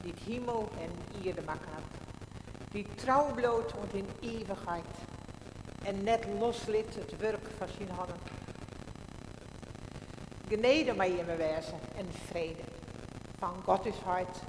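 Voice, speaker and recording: Woman pastor in cathedral-like echo. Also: medium pitch. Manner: calm, measured liturgical speech. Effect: cathedral-like echo with long reverb. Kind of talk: church service liturgy and prayer. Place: large church. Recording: echoey church livestream, audible room noise.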